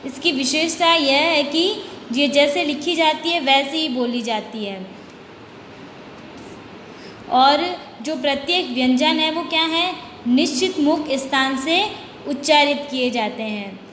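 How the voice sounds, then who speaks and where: A woman teaching a grammar lesson in a high, bright voice. She explains step by step, asking a question and then answering it herself. The room rings with echo, and faint noise sits underneath. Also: slow pace. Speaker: school teacher. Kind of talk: recorded Hindi grammar lesson. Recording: echoey room with long reverb, faint noise.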